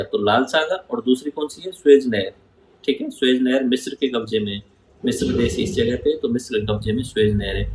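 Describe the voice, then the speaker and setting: Man teaching geography from a map, echoey room. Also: medium pitch. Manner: asks and answers his own questions, pointing at a map. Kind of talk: map-based lecture.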